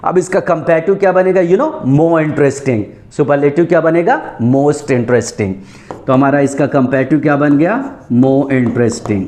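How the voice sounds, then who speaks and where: A man teaching English grammar, asking questions and answering them, slowing down low on each example word. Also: a little mellow. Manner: repeats questions and answers, slows and drops low on example words. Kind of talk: classroom grammar lesson. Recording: echoey room.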